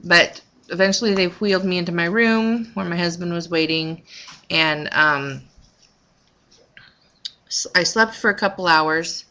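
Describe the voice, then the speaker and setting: A woman with a slightly low voice and a bright, forward edge talks casually as if to followers of her vlog. She speaks in a halting way, often trailing off and rewording as she explains. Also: a little hiss or hum. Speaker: vlogger recounting her recovery from surgery. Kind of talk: casual personal vlog monologue.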